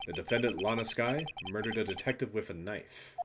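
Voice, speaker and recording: A man's voice: on the low side, a little fast, noisy background, natural voice. A man voicing a smug, haughty male prosecutor. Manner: haughty, condescending. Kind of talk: reading game dialogue aloud in character. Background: game music.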